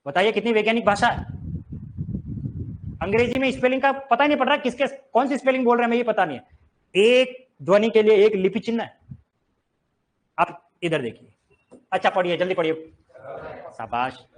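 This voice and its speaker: A man with a strikingly high voice teaches to a class. He keeps firing rhetorical questions and drilling his students to read each word aloud. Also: animated, a little fast, long pauses, slight background noise. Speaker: Hindi teacher. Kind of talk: classroom lesson.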